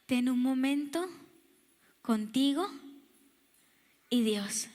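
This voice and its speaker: A woman's voice: high-pitched, very slow, a little mellow, in a large hall. A young woman preacher sharing a personal testimony in a sermon, repeating words for emphasis.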